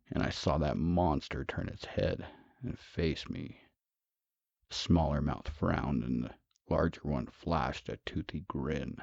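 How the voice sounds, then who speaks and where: A man narrating a horror story in a measured, dramatic way. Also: extremely low pitch, vocal fry, mellow, slightly rough, dry recording. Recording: dull, dry, lo-fi.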